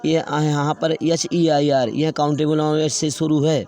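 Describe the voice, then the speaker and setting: A man teaching English grammar, slowly spelling out words letter by letter and repeating them. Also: fairly high pitch, little pitch movement, mellow. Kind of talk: classroom grammar lesson.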